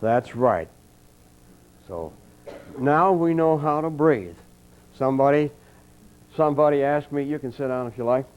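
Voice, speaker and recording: With a clear, resonant mid-range voice, measured pace, and frequent pauses, an older man gives a trumpet clinic in a college room full of listeners. He tells folksy anecdotes and calmly coaches a breathing exercise, heard on a dull lo-fi archival recording.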